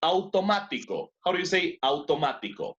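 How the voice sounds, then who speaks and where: A man's voice: high-pitched, big pitch swings, moderate pace, fairly bright tone, muffled recording. A man teaching an English class in two languages, who repeats words and keeps praising his students. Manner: switches between two languages to explain.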